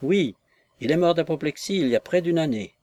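A man voicing a tender young daughter who pleads gently in an audiobook reading. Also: fairly high pitch, expressive, brisk, pitched above the performer's own voice, lightly acted. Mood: pleading.

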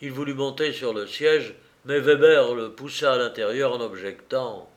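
A man narrating a novel in a measured, expressive storytelling voice. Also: medium pitch. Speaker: audiobook narrator.

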